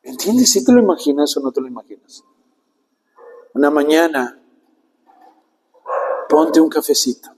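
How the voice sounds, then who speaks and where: A man preaching a sermon, earnest and slow, often turning to the listener with direct questions. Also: fairly high pitch, lively intonation, darkish tone, big-room sound, poor audio.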